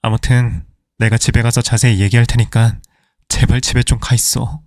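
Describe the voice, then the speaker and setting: A man's voice: mid-range voice, little pitch movement, moderate pace, darkish tone, no room sound, clean studio sound, close to an everyday voice. A man playing an evasive middle-aged husband who pleads and placates his angry wife. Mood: placating.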